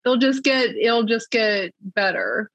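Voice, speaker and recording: Bright-pitched enthusiastic woman, dry close sound. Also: very animated, dry recording, muffled recording. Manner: enthusiastic, quick agreeing replies. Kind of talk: casual chat.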